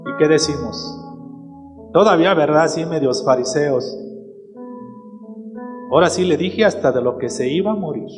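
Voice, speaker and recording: A man's voice: a little high, moderate pace, long pauses. A man with a Mexican Spanish accent, a pastor preaching a sermon and putting rhetorical questions to his congregation. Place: church hall. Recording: reverberant church hall with music.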